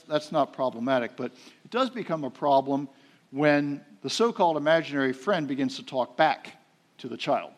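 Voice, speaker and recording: A middle-aged man preaching a sermon, telling a family story in a folksy way, with frequent fillers and swings between loud and soft. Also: mid-range voice.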